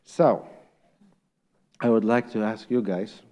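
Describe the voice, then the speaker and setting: A man's voice: on the low side, fairly even intonation, slow pace, dark tone. A middle-aged man with a Polish accent moderates a live panel, asking the audience questions and often chuckling as he speaks.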